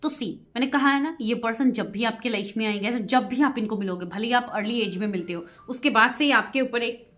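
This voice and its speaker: A woman's voice: a little high, brisk, a bit bright. A woman giving a tarot reading to her viewers, chatty, often laughing and mixing English phrases into her talk. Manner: giggly, keeps breaking into laughter. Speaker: tarot reader.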